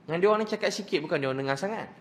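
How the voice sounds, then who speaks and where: A man with a Malaysian Malay accent giving a religious lecture to an audience, telling emotional stories that swing from hushed to loud, with quick, animated, repetitive phrasing. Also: sits high, a little hiss or hum. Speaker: preacher.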